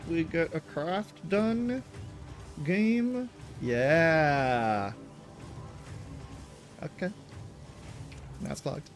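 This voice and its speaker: Chatty man narrating his own gameplay. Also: fairly high pitch. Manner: chatty, talks to himself and game objects. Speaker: streamer. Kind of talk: casual gameplay commentary. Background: game music.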